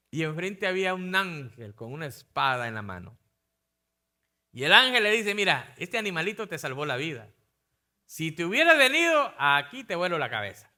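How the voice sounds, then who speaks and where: A man's voice: extremely high pitch, pushed and bright, smooth. A man preaching a sermon, retelling a story in a chatty, conversational way, acting out the speakers' lines and often asking his listeners questions. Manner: conversational, asks the congregation often. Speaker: pastor.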